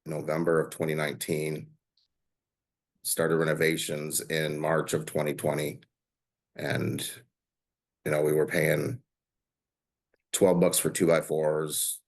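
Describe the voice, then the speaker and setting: A man in his forties, a podcast guest speaking casually, pausing and searching for words. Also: rumbling low, monotone, creaky. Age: 40s.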